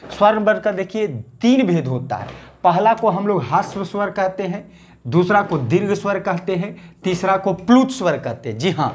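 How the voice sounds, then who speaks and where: A male teacher giving a grammar lesson, repeating each definition and slowly drawing out the vowel sounds as he recites them. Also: high voice.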